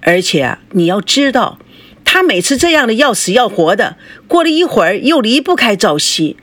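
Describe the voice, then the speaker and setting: A woman's voice: a little high, sing-song, normal speed, a bit bright, no echo. A woman voicing a shrewd middle-aged mother who nags her husband and sweet-talks her daughter. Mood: persuading. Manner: nagging, persuasive, fawning.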